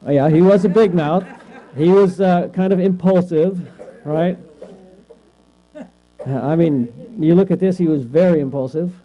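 A man's voice: a little high, unhurried, pauses often. Man teaching a Bible class, lo-fi. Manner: conversational, asks the class questions, tags lines with "right?". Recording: lo-fi recording with mains hum.

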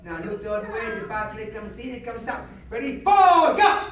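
A man's voice: high voice, little pitch movement, fairly quick, fairly bright tone. A man leading a martial arts class, calling out commands and counts. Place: large indoor hall. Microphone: far-off camera. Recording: echoey noisy hall from far off.

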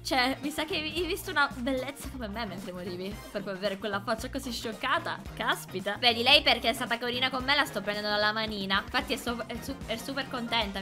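A young woman gamer chatting to her viewers while playing, excitable and talkative. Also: fairly high pitch. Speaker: gaming YouTuber. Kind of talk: let's play commentary. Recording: game music behind.

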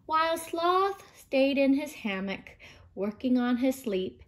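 Expressive woman reading a children's story. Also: sits high, slow. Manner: expressive, asks listeners questions. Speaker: teacher.

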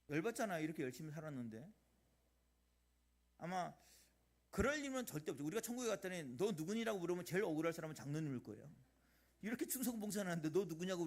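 A middle-aged man preaching a sermon as pastor of a church, animated, swinging between loud emphasis and quiet asides. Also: fairly high pitch. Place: church sanctuary.

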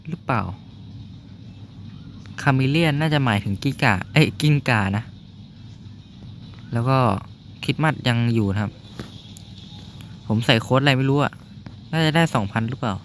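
A young man talks his way through a game in a loose, chatty manner, explaining moves and breaking off into short exclamations. His voice sits at an ordinary middle pitch. A faint noise hums behind him. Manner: chatty, explains while playing, reacts with exclamations. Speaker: gaming YouTuber. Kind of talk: casual gameplay commentary. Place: noisy spot at home.

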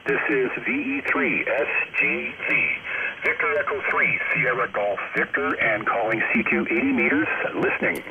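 A man's voice: medium pitch, wildly swooping pitch, normal speed, vocal fry. A man, an amateur radio operator, calling out over fading shortwave radio reception and spelling his call sign phonetically. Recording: muffled shortwave radio with heavy static.

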